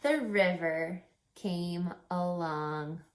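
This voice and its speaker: This lowish-voiced woman reads a picture book aloud in a deliberate, instructive teacher's manner. She uses dramatic pauses and asks the young audience questions, with slight noise in the background.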